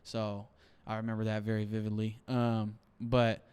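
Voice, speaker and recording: Low, flat-voiced young man, reflective. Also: moderate pace, smooth. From Seattle, USA. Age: 20s. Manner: reflective, with many "like" and "you know" fillers. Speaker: podcast guest. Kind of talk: casual interview talk.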